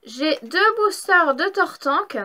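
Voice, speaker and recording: A woman's voice: very high-pitched, animated, slow, pushed and bright. A young woman chatting casually as she opens trading card packs, enthusiastic and gushing over each card. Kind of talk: casual unboxing vlog.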